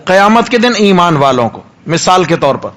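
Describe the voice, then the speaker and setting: A high-pitched male preacher delivering a sermon. He hammers his points home through repetition and stretches recited verses out slowly. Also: very animated, fairly bright tone. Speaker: mufti preacher.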